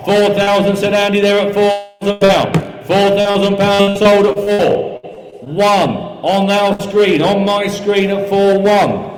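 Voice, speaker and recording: Bloke auctioneering, highish voice on one note, rattling through bids over and over, big echoey room. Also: male voice, steady tone, slow pace. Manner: repetitive chanting of bids and figures. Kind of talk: live auction calling. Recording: echoey hall sound with music behind.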